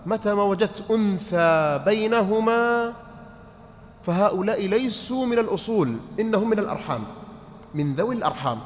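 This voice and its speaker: Sheikh quizzing students in an echoing mosque. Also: male voice, high voice, expressive, fairly quick, pauses often. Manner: quizzes students, repeats points, keeps checking they follow. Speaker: sheikh teaching inheritance law. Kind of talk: mosque study-circle lesson. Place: large mosque hall. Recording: reverberant mosque hall, faint noise.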